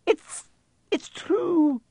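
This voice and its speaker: A man voicing a stern older witch professor in an audiobook, anxious and emphatic, halting with emotion. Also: high-pitched, wildly swooping pitch, husky, no room sound, pitched above the performer's own voice, heavily acted. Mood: shocked, tearful.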